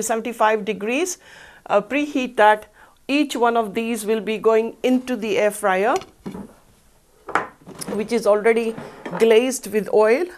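A middle-aged woman walks viewers through a recipe on a studio kitchen set. Her voice sits a little high, and she talks in a chatty, upbeat way into a lapel mic. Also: slight background noise. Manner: chatty, upbeat, explains each step while working. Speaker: cooking show host. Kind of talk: cooking demonstration.

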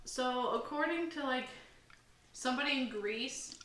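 Young woman podcast co-host, rambling and self-deprecating, bright tone, echoey room, faint hiss. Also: high voice, a little slow. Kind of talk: casual chat. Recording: roomy, slightly distant mic with faint hiss.

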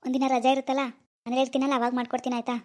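A woman voicing an easygoing young village husband in a cartoon, talking fast and chatty. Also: high voice, level tone, darkish tone, close to an everyday voice. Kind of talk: cartoon voice acting.

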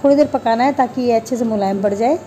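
A woman's voice: fairly high pitch, fast talker, mellow, a little hiss or hum. A woman talking viewers through a home cooking recipe step by step, in a homely way. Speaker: home cooking channel host.

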